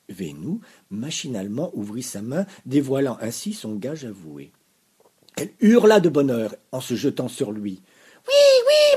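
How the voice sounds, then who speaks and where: Husky man reading a comic story. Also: medium pitch. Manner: lively, mock-dramatic.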